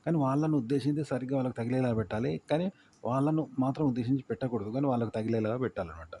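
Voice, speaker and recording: A man's voice: mid-range voice, rapid-fire, warm tone, slight background noise. A man explaining YouTube tips in casual talk, rambling and repeating his points as he asks the listener if they follow. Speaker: YouTube creator giving tips.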